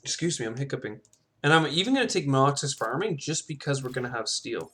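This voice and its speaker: This gameplay commentator has an expressive mid-range voice that runs a little fast and a bit bright. In a casual let's-play, he narrates his own game, thinking aloud about every decision he makes.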